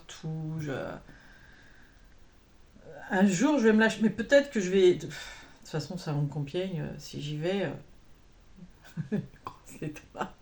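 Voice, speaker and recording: A woman vlogging about cross-stitch in a chatty, rambling way, full of fillers and self-corrections. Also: low-pitched. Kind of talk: casual chat to camera.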